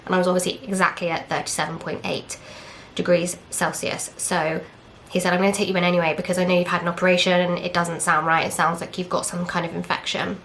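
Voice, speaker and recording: A woman's voice: fairly low pitch, level tone, quick pace, hardly any pauses, a bit bright, slight background noise. A young woman from England, candidly telling a personal story in casual chat, acting out what others said. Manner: candid, chatty, retells with quoted dialogue and fillers. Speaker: vlogger.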